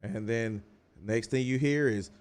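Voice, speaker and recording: A man's voice: medium pitch, unhurried. Wisecracking man on a podcast panel. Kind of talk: casual live-stream chat watching wrestling.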